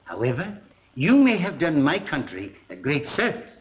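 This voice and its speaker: An actor playing a dignified, secretive gentleman in a 1930s film, speaking in formal, courteous phrases. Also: a little high, wildly swooping pitch. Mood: courteous, guarded. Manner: formal, measured, courteous wording. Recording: dull, hissy vintage film soundtrack.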